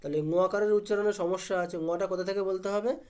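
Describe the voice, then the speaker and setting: A man teaching pronunciation step by step. He asks and answers his own questions and drills each sound slowly. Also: high voice, fairly even intonation, a little mellow.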